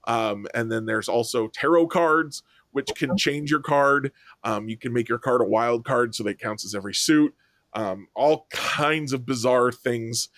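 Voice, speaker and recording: Man, podcast co-host, rambling casual chat, lots of ums, medium pitch, dry close sound. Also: a little slow, a bit bright, dry recording. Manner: rambling with many ums and self-corrections.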